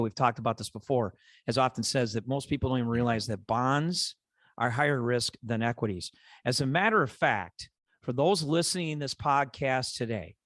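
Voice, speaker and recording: A man with a Chicago accent hosting a podcast, talking in an animated, opinionated way as he rants about markets. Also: mid-range voice, no room sound, clean studio sound. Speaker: podcast host. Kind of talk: casual podcast discussion.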